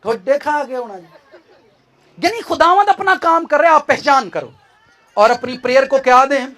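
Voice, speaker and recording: High-pitched fervent preacher man. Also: expressive, moderate pace, a bit bright, a faint crowd. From Pakistan. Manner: fervent, exhorting, switches into acted quotes of others. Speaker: pastor. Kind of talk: sermon.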